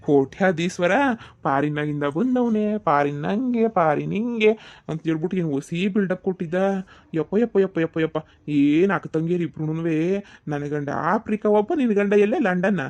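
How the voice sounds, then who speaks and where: A man's voice: high-pitched, normal speed, a little mellow. A man playing a teasing village brother in a comedy skit. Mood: mocking. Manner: teasing, mocking sing-song. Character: mocking village brother, young adult man.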